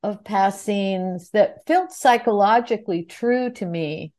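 A woman's voice: mid-range voice, slow pace, darkish tone. A woman interviewer asking thoughtful, articulate questions in long, flowing sentences.

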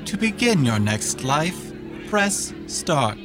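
A performer voicing an automated afterlife kiosk that speaks in formal, deliberate announcements, in a radio comedy sketch. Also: medium pitch, big pitch swings, over loud music. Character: slow automated afterlife kiosk voice, sexless machine.

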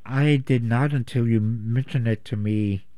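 A man hosting a community radio talk show, opening the program with a measured, deliberate delivery. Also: mid-range voice, dark tone, no room sound. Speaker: radio host.

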